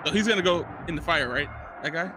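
A young adult man co-hosting a reaction video gives casual, exclamatory, sweary commentary on a film, speaking fast in a fairly high voice. He's on a close studio mic on a boom arm, with film music in the background.

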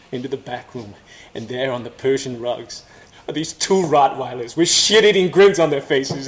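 An actor playing a foul-mouthed man who schemes and tells a crude story in animated, profane indie film dialogue. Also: mid-range voice, a little hiss or hum, natural voice.

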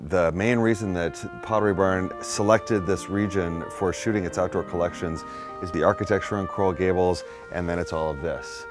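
A man with a very deep voice hosts an on-location tour, narrating and chatting with an enthusiastic, admiring manner. He lingers on words he likes. Music plays clearly beneath his voice. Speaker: on-location host for a furniture brand. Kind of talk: presenter narration and on-site chat. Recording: music playing underneath.

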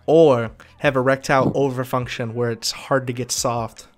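A man's voice: medium pitch, steady tone, moderate pace. A man hosting crude, joking casual chat with strangers on a video call, laughing often. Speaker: host chatting with strangers.

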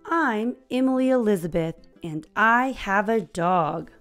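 A children's read-aloud is hosted by an American woman in her thirties, who tells a storybook expressively at a clear pace for little ones. She speaks in a mid-range voice at a measured pace over soft background music.

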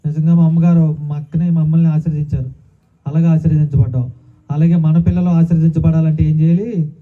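Preaching pastor, tinny phone-like sound. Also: male voice, fairly high pitch, level tone, quick pace. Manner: preaching with repeated hallelujahs and rhetorical questions. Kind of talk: sermon.

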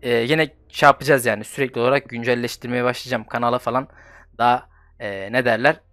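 A man's voice: mid-range voice, fairly even intonation, fast, a bit bright, dry recording, studio quality. Slangy man commenting on a mobile game. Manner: slangy, swears, bursts of frustration. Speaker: gaming YouTuber.

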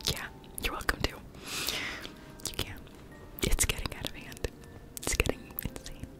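A woman's voice: a little slow, bright, forceful tone. A young woman in her late teens whispering close to a studio mic in her bedroom, reading chat messages aloud and answering them in whispered live-stream chat. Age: young adult. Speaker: ASMR streamer. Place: bedroom with plush toys, indoors. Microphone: studio mic close in front.

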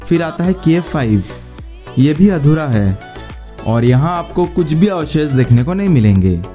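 A man narrating a travel guide in a steady, explanatory tone, mixing English words into his speech. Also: a little high, unhurried. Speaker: travel vlogger. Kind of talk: scripted voice-over narration. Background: faint background music.

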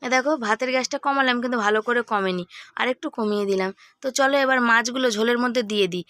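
Woman, middle-aged, hoarse from a cold, high voice, quick talker, casual cooking vlog chat, home kitchen. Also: a bit bright, no echo. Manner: chatty, talks to viewers while cooking. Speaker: vlogger.

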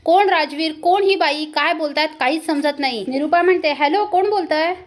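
A woman tells a serial's plot as a dramatic story recap. Her voice is high and her delivery steady and expressive. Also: moderate pace.

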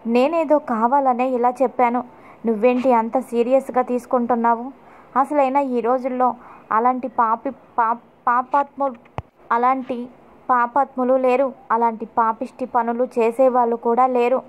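A woman's voice: fairly high pitch, flat delivery, moderate pace, muffled recording, natural voice. A woman reading an anxious young wife. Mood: insistent. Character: distressed young wife hiding the truth.

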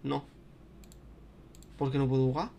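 A young man with a Spain Spanish accent, chatting casually and swearing as he plays a video game, turning panicky and loud when scared. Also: mid-range voice, little pitch movement, a little slow, gravelly. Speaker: gaming streamer. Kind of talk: casual let's-play commentary.

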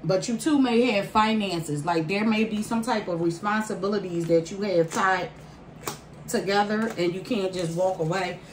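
A woman giving a casual tarot card reading to viewers, pausing mid-phrase and repeating phrases for emphasis. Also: medium pitch. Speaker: tarot reader. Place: indoor room at a table by a window. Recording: roomy, distant mic, faint background noise.

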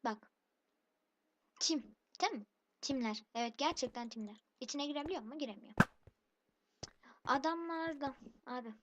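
Irritated high-voiced woman gamer, noisy recording. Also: normal speed, pauses often, highs cut off. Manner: irritated, complaining, calls rivals noobs. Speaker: gaming channel host. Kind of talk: let's play commentary. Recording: noisy background hiss.

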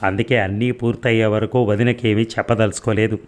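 A man voicing a younger brother who speaks in a steady, reasoning way in an audio story. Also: on the low side, a little fast, close to an everyday voice. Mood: firm.

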